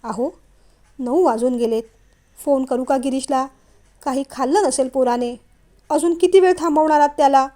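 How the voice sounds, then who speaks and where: A woman's voice: high-pitched, normal speed, pauses often, warm tone, close to an everyday voice. Woman voicing a pleading worried mother. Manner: pleading, coaxing.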